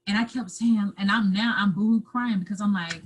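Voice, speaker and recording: A woman guest telling her own story in an interview, halting and repeating herself, at times close to tears. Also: medium pitch, poor audio. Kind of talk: emotional personal storytelling.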